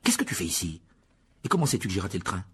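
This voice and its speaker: A man doing a husky, angry boy wizard. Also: sits low, sing-song, rapid-fire, full character voice. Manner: sharp, demanding questions. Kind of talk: dramatized audiobook reading.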